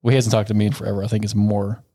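A man's voice: lowish voice, level tone, racing, warm tone. A young man in casual podcast chat, loose and profane, laughing often as he talks. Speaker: podcast co-host.

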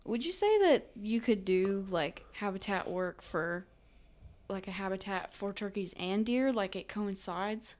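A woman's voice: mid-range voice, animated, measured pace, darkish tone. A woman in casual conversation, talking informally and with curiosity. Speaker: conversation partner asking questions. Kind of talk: casual chat.

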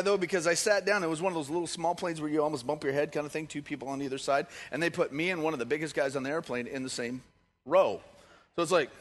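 A man's voice: a little high, a bit bright. A man preaching a sermon as pastor, telling stories in a joking, conversational way. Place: church hall. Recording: long hall reverb.

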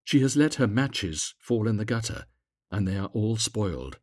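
Man playing a solemn, husky storybook prince. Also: lowish voice, lively intonation, normal speed, darkish tone, dry recording, studio quality. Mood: gentle, solemn. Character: sorrowful, compassionate statue prince, male, gently commanding.

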